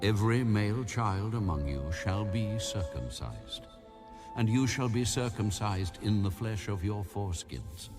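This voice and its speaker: A man playing a solemn, commanding God in a dramatized audio Bible, speaking slowly and with authority. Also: lowish voice, lively intonation. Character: Almighty God, solemn, commanding ancient male deity. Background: background music.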